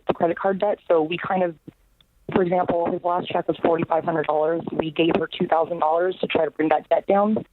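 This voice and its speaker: A woman calling in to a talk show over the phone, speaking nervously and haltingly with many fillers. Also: fairly low pitch. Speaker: caller. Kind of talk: call-in talk show caller. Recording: tinny phone line with faint noise.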